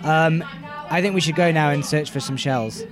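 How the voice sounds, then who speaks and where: A co-host on a casual pub-recorded podcast, excitable and cheerful, answering quiz questions. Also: medium pitch, moderate pace, music in the background. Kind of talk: casual chat.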